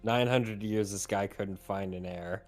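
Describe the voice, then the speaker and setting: A man's voice: lowish voice, fairly even intonation, measured pace, faint music behind. A young man in casual chat with his game group, swearing and thinking aloud with laughs. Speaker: tabletop game player.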